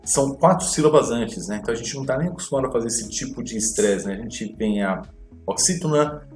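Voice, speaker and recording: A man teaching an exam walkthrough lesson, explaining slowly and repeating words to model their pronunciation. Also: medium pitch, animated, darkish tone, reverberant, soft background music. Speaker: English teacher.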